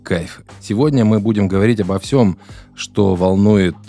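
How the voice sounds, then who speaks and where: A man's voice: on the low side, normal speed, dark tone, faint music behind. A man around forty hosting a casual studio podcast, blunt and joking, with crude slang. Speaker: podcast host.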